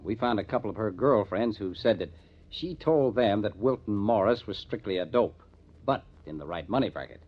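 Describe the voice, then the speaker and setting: This old-time radio crime drama features an actor as a detective captain, his fairly low, slightly rough voice expressive at a moderate pace. He sounds businesslike and emphatic, plainspoken and matter-of-fact, through the muffled vintage audio.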